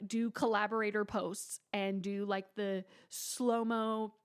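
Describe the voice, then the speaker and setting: A woman in her twenties hosting her own podcast, chatting casually and dramatically with playful asides and mock whispers. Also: on the high side. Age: 20s. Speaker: podcast host. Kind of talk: casual solo podcast chat.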